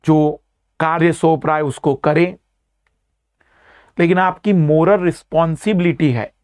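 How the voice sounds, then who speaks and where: A man's voice: fairly high pitch, unhurried, darkish tone. A male teacher giving a live online exam-prep lecture, explaining terms with emphasis and repeating key words.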